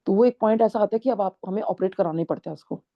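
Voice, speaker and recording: A woman's voice: mid-range voice, fast. A middle-aged woman telling a devotional testimony to a congregation in an earnest, storytelling way, slipping English words into her speech. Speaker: satsang speaker sharing a testimony. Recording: dull lo-fi recording.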